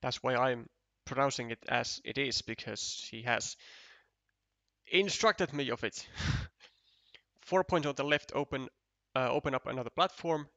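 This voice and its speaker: A man's voice: medium pitch, unhurried, long pauses, bright, forceful tone, no room sound. A man commentating a competitive board game match, thinking aloud, counting tiles and often restarting his sentences. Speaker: esports commentator.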